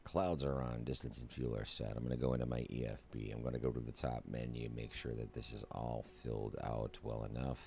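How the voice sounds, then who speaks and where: A man's voice: a bass voice, level tone, brisk, gravelly, few pauses, darkish tone. A man giving casual, chatty commentary while streaming a flight simulator, narrating each step aloud with self-mocking asides.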